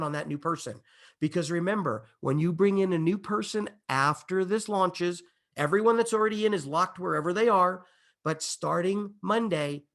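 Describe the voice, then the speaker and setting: A man giving an excitable, emphatic business opportunity presentation, building hype and checking in with his audience as he goes. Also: sits high. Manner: repeats "okay?" and "imagine this" to the audience. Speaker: company presenter.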